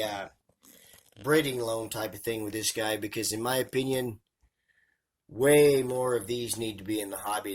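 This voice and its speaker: A man's voice: lowish voice, fairly bright tone. A man giving casual, enthusiastic vlog commentary as a hobbyist host, speaking emphatically and directly to viewers. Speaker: tarantula hobbyist hosting an unboxing.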